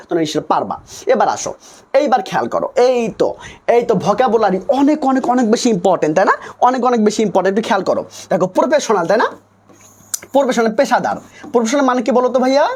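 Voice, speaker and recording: Fast, husky tutor. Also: male voice, sits high, a little mellow. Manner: coaxing, keeps repeating and quizzing students. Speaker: English tutor for nursing exams. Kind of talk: live online class.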